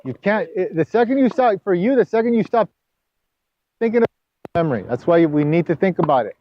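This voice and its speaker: A man's voice: animated, a little fast, no echo. Rambling male tennis coach. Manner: rambling, repeats himself with many restarts; rises loud and high when scolding. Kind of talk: sports coaching session. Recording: dull lo-fi camera audio.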